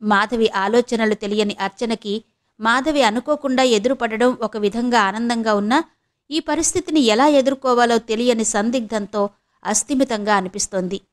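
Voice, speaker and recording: A woman from India narrates a spoken novel, calm and measured between dialogue scenes. Her voice is on the higher side and soft in level, an even storytelling read. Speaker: audiobook narrator. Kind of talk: scripted audio novel narration.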